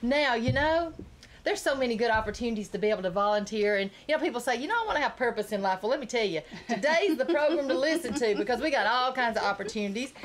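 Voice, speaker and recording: A woman's voice: on the high side, lively intonation, fast. Chatty Southern woman hosting a talk show. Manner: chatty, enthusiastic, laughs often. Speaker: chamber of commerce show host.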